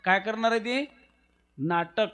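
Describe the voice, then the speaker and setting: A man's voice: high voice, unhurried, a bit bright, clean tone. A man preaching a devotional story sermon, teasing the audience and calling on them to answer back. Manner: teasing, conversational.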